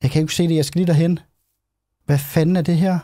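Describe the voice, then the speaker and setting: A man hosting a let's play, chatting casually while gaming, excitable and swearing, repeatedly calling out to his friend. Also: fairly high pitch, no echo.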